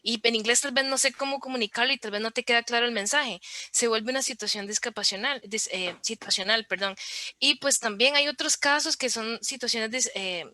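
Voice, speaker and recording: A woman speaks as a podcast guest and explains her points patiently, using everyday examples. Her voice is fairly high and bright. The sound is dry, with no room echo. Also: brisk. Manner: clear, didactic, explains with examples. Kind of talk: explanatory interview talk.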